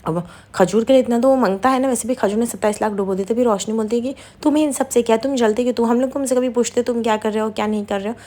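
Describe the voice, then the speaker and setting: A woman recapping a TV serial episode in a rapid, chatty retelling with quoted dialogue. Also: on the high side, dark tone.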